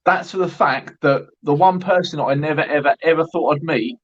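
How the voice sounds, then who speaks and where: Man, husky voice, fairly high pitch, casual sweary banter, stumbling restarts, muffled lo-fi sound. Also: brisk. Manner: sweary, joking, stammers and restarts. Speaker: airsoft event organiser.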